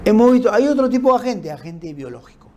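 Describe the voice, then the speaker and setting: A man giving an informal law lecture, explaining through lists and examples and checking in with his listeners with quick tag questions. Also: high voice, very animated, mellow. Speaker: criminal law instructor. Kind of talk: informal lecture on forensic principles.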